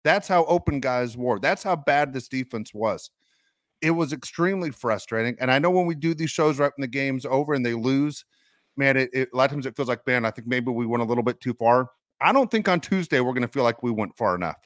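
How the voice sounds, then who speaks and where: A man's voice: mid-range voice, animated, fairly quick, no echo, studio quality. A man co-hosting a sports podcast, venting bluntly and emphatically about a loss. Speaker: podcast co-host.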